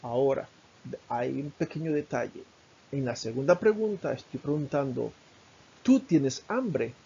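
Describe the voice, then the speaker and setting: A man with a Venezuelan Spanish accent teaching an English lesson, slowly modeling each phrase with a husky voice. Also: medium pitch, lively intonation, mellow, dull audio, a little hiss or hum. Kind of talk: recorded online lesson.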